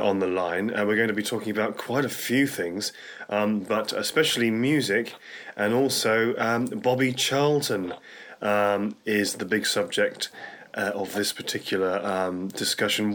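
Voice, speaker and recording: A man's voice: on the low side, fairly even intonation, normal speed, a bit bright. A man with a British accent hosting a talk radio interview, speaking conversationally in a hesitant, rambling way with repeated words.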